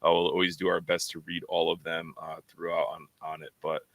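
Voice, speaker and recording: A man's voice: sits low, flat delivery, brisk, fairly bright tone, no echo. A man co-hosting a fan podcast, chatting casually and rambling with lots of fillers and repeated words. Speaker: podcast co-host.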